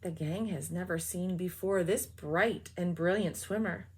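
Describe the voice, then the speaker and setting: A woman's voice: fairly low pitch, measured pace, breathy edge. A woman teacher reading a picture book aloud, adding chatty comments between the pages.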